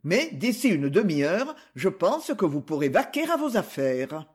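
A man reading an audiobook, voicing a gruff, dryly mocking male police commissioner. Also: high voice, sing-song, measured pace, heavily acted. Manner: dry, mocking. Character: gruff, ironic middle-aged police commissioner.

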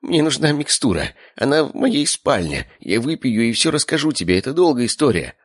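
A man's voice: medium pitch, very animated, brisk, vocal fry, breathy edge, no room sound, studio quality, pitched above the performer's own voice, exaggerated voice. A man voicing a cowardly, lying, heavyset middle-aged uncle who talks in a whiny, pleading way. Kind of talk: audiobook character voice.

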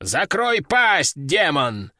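A man's voice: fairly high pitch, sing-song, drawn-out words, sharp tone, no room sound, clean studio sound, heavily acted. A man voicing a stern, domineering old male sorcerer in an audiobook, giving harsh orders. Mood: commanding. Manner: commanding and harsh. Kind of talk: audiobook character voice.

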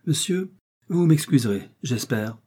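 A man reading an audiobook, voicing a young male Gascon swordsman, proud and quick to take offense. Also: on the high side, lively intonation, warm tone, breathy edge, pitched above the performer's own voice. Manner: touchy, proud, defiant.

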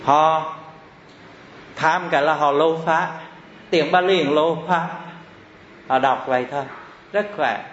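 A man's voice: on the high side, takes it slowly, pauses often, a bit bright. A man teaching Buddhist doctrine in a classroom lecture, repeating key terms and asking his listeners rhetorical questions. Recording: echoey hall, slightly dull with faint hiss.

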